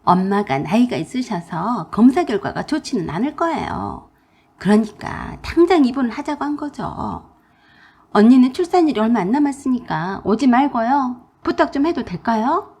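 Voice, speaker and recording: A woman's voice: a little high, sing-song, darkish tone, breathy edge. A woman voicing a selfish young sister-in-law who whines and flares up, in a radio drama. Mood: pleading, whiny. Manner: whiny, demanding, quick to flare.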